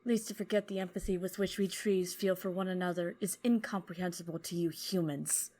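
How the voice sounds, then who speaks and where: A woman's voice: on the low side, fairly even intonation, brisk, natural voice. A woman voicing a haughty, scornful female tree spirit. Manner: haughty, sharp.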